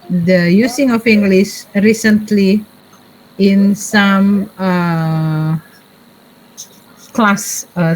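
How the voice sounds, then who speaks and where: Slow-speaking woman lecturer. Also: medium pitch, slight background noise, poor audio. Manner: slow, pausing with frequent fillers. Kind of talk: classroom discussion.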